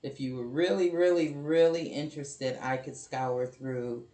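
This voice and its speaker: A woman with a low voice talks slowly and casually, rambling with ums and restarts and apologizing often. She sounds like she is at home in a roomy, echoey space. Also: fairly even intonation, mellow. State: hiccups. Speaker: knitting podcast host. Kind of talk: casual show-and-tell chat.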